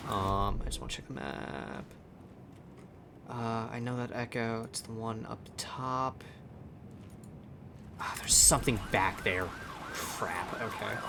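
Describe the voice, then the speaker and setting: Over a noisy background, a man with a fairly low, steady voice speaks slowly with vocal fry and long pauses. He's hosting a relaxed gameplay session, rambling chattily and muttering to himself while he plays.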